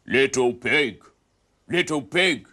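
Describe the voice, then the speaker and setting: A man voicing a hungry big bad wolf with slow, drawn-out, loud threats while reading a storybook. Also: mid-range voice, animated, pitched above the performer's own voice, exaggerated voice. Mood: menacing.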